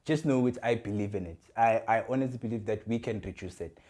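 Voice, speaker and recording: A man's voice: on the low side, quick pace, a little mellow. Young South African man, casual podcast chat. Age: young adult. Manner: repeats words often, mixes English with Zulu. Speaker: podcast co-host.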